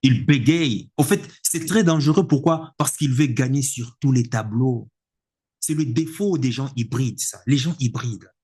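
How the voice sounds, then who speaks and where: A man delivering an indignant political opinion monologue, emphatic and repetitive, with a husky voice. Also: mid-range voice, a little slow, darkish tone. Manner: indignant, emphatic, repeats words for effect. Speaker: political commentator.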